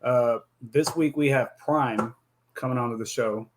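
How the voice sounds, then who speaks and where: A man's voice: mid-range voice, unhurried. A man co-hosting a casual chat, talking in a laid-back, easygoing way. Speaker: co-host.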